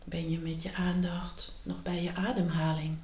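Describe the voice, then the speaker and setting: A woman guiding a meditation and yoga lesson in a slow, calm, soothing voice, often half-whispering. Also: on the low side. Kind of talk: guided meditation and yoga instruction. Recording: echoey room.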